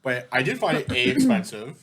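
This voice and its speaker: A man's voice: sits high, big pitch swings, creaky, a bit bright, breathy edge. A man co-hosting a casual podcast chat, rambling with lots of fillers and firing off questions. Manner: rambling, filler-heavy, giggly; rapid-fire questioning. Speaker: podcast co-host.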